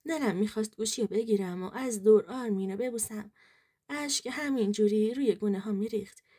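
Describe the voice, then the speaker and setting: A woman's voice: medium pitch, warm tone, husky. A woman narrating a true story in the first person, telling it in an earnest, emotional way.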